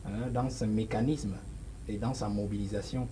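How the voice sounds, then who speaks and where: A man's voice: on the low side, steady tone, moderate pace, mellow, a little hiss or hum, low-quality recording. A man in his forties with a Cameroonian French accent, a guest speaking emphatically in a studio interview, with frequent hesitations. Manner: emphatic, gestures while speaking, many hesitations. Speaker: political guest. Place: small studio set with sofas. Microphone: lapel.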